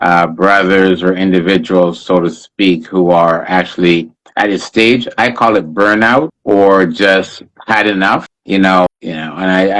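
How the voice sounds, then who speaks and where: A man's voice: sits low, a bit bright, poor audio. A man hosting a live interview conversation in a friendly, affirming, conversational way. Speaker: interview host.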